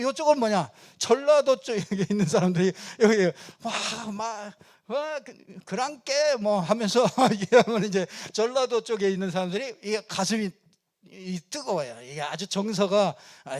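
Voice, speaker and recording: A male pastor gives a loose, conversational sermon from the pulpit. His voice sits high for a man, and he talks in an animated, rambling way, full of fillers and with frequent small chuckles. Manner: chatty and animated, many fillers, chuckles often. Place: church pulpit.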